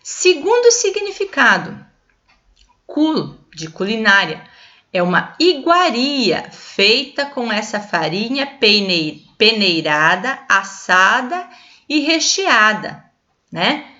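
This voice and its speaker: A Brazilian woman teaches children in a bright, forceful voice that rises and falls with lively animation. She explains patiently, checking often that her young listeners follow along. The recording sounds muffled and lo-fi. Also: on the high side, takes it slowly. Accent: Brazilian Portuguese. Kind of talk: classroom lesson for children.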